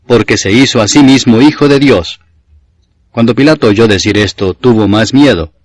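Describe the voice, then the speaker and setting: A man reads scripture aloud at a steady, solemn pace. His voice sits low and sounds dry and close, with no room sound around it. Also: dry recording. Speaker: Bible reader.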